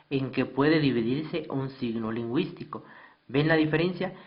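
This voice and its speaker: A man's voice: medium pitch, highs cut off. A man teaching a recorded slideshow lesson, patiently repeating definitions and asking his students questions.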